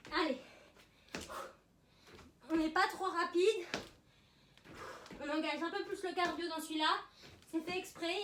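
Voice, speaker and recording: Female fitness coach, high voice, unhurried pace, urging people on in short commands and counts, recorded in an echoey room. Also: fairly bright tone. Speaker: fitness instructor leading a circuit workout. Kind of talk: live workout coaching with countdowns. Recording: roomy echo, distant mic, background noise.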